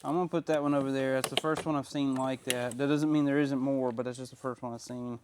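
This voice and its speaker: Speaking quickly in a mid-range voice with fairly even intonation, this man is a co-host who works as a mechanic. His casual shop talk involves musing aloud and posing questions. The workshop around him is noisy and full of clicks.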